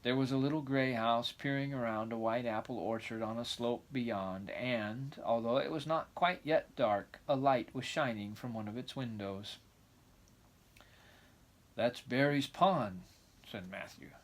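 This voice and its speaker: Guy reading a novel out loud like storytime, medium pitch, trips on words a bit. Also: normal speed, hardly any pauses.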